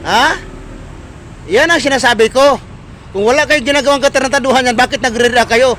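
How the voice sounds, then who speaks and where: A Filipino man delivers a ranting political commentary in an unusually high voice. He hammers listeners with repeated, accusing rhetorical questions. Faint traffic noise sits behind him. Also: fairly quick, bright, forceful tone.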